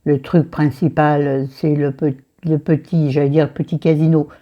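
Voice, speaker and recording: A woman with a low voice and a southern French accent, chatting about a book while doing her makeup at her dressing table at home. She rambles, loses her thread and talks to herself. The sound is a little muffled, like a simple home recording. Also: flat delivery, measured pace. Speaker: book vlogger. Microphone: camera facing her mirror.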